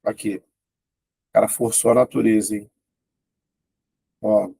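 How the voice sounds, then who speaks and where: A man teaching an exam-prep grammar lesson. His voice is husky with a gravelly edge, and his speech is casual and exclaiming as he works through each item. The recording is close and dry. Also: lowish voice, steady tone, unhurried, dark tone, dry recording. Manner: informal, thinks aloud, exclaims at tricky items. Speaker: Portuguese teacher.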